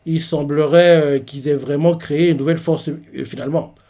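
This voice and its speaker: A man recapping and reacting to a manga chapter in a casual, excitable way, full of fillers. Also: a little high, moderate pace. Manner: excitable, filler-heavy retelling.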